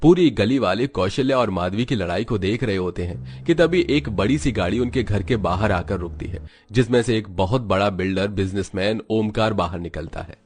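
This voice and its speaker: A man narrating an animated moral story in a scripted, even storytelling way. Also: on the low side, moderate pace, a little hiss or hum.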